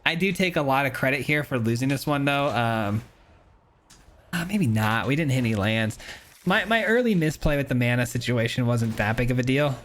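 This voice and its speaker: A man's voice: mid-range voice, lively intonation, normal speed, fairly bright tone, a little hiss or hum. A man casually commenting on his own card game as he plays, chatty and self-critical, with frequent ums and uhs. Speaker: gameplay streamer.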